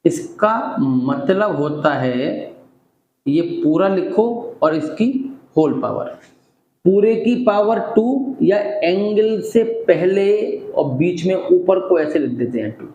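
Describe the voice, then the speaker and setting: A man's voice: sits high, animated, slow pace, warm tone, roomy sound, muffled recording. A man teaching a maths lesson, explaining each step in turn and mixing Hindi with English terms. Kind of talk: classroom maths lecture.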